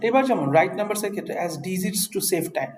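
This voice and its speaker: A man's voice: high-pitched, fairly quick. Bangladeshi man teaching in an echoey classroom. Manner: asks the class frequent checking questions; mixes English words into Bengali. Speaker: English test teacher. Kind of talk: classroom lecture. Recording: echoey room, faint noise.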